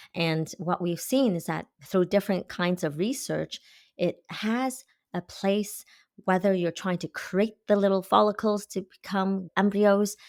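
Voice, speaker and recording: A Canadian woman in her fifties, an acupuncturist appearing as an interview guest, gives earnest, explanatory answers. Her voice is lowish and a little mellow, captured in a dry, studio-quality recording.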